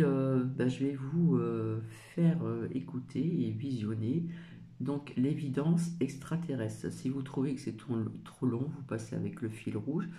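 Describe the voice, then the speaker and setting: A man's voice: medium pitch, warm tone. A man hosting his channel in a casual chat to viewers, hesitant and full of filler sounds, mumbling his words at times. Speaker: channel host.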